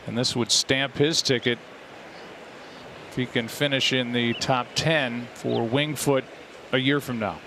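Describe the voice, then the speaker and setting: A man calling golf as a play-by-play commentator, speaking in measured, terse descriptive phrases. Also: mid-range voice. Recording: loud outdoor crowd and background noise. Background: golf tournament crowd, outdoor ambience.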